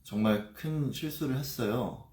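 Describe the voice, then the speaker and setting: A man livestreaming and speaking in a halting, hesitant confessional way, with frequent pauses and fillers. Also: medium pitch, darkish tone, reverberant.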